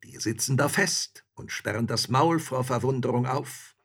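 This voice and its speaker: A man's voice: medium pitch, moderate pace, a bit bright, breathy edge, pitched above the performer's own voice. A man voicing a bold, hungry, cheeky soldier in a storybook reading, talking in a boisterous, swaggering way.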